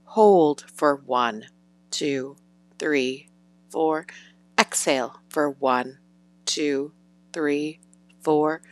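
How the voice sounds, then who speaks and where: Slow, low-voiced woman counting breaths. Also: dry recording. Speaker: breathing exercise instructor. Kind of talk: guided breathing exercise.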